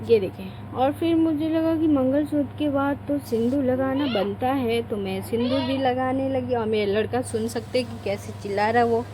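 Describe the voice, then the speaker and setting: A woman's voice: fairly high pitch, background noise. A young woman vlogging at home, chatting her way through getting ready and often correcting herself mid-sentence. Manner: rambling, self-correcting, homely. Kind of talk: chatty get-ready-with-me narration. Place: home bedroom. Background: child crying and shouting.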